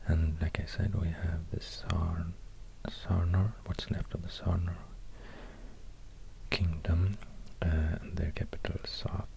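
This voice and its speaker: A Swedish-accented man creates ASMR narration while drawing, murmuring in a low, even, hushed and breathy near-whisper. His delivery is halting and musing. He sits close to a binaural microphone, and noise and soft clicks can be heard.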